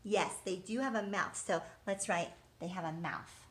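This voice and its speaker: Speaking at medium pitch and an ordinary speed, a woman teaches small children in an encouraging, interactive lesson. She asks questions, replies as if answering the children, and repeats important words.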